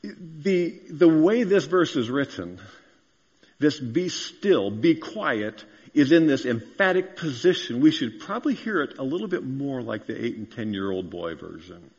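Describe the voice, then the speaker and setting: Male pastor, mid-pitched voice, dull lo-fi sermon recording, emphatic builds. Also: very animated, unhurried, a little mellow, breathy edge. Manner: earnest, rising to emphatic declarations. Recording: dull sound with long reverb in a large hall.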